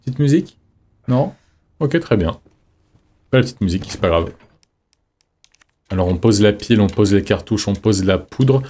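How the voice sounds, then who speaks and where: Low, mellow-voiced man streaming. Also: animated, moderate pace, pauses often, slight background noise. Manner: chatty, reads in-game notes aloud, jokey asides. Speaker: streamer playing a horror game. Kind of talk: casual let's-play commentary.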